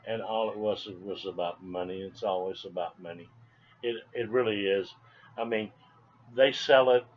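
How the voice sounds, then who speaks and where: An old male veteran of seventy looks back on his past in a casual interview. He talks in a halting, wandering way. The recording is dull and lo-fi, with faint noise behind him. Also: deep voice, steady tone. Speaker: Vietnam veteran being interviewed. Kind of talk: informal interview, personal recollection. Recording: dull lo-fi sound, background noise.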